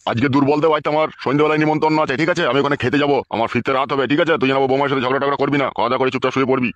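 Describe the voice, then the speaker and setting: A man's voice: mid-range voice, fairly even intonation, rapid-fire, no echo, lo-fi sound, close to an everyday voice. A man doing a foul-mouthed cartoon father. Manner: crude, bossy, scolding. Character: gruff older father, foul-mouthed and bossy. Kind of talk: comic cartoon dubbing.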